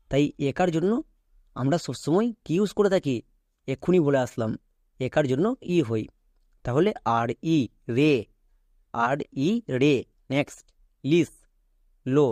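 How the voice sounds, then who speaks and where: A man's voice: a little high, darkish tone, no room sound. A man whose first language is Bengali teaching English pronunciation step by step. He repeats each sound and answers his own questions. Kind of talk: step-by-step spelling lesson.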